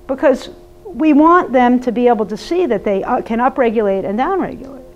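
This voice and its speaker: A woman therapist giving a lively, conversational workshop talk to an audience and asking them questions. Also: fairly high pitch, brisk. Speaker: therapist presenter. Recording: muffled lo-fi recording.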